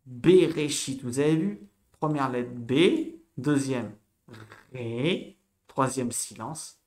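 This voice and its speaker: A man giving a casual spoken lesson, animated and repetitive, spelling out sounds slowly for learners. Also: mid-range voice. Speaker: Hebrew teacher.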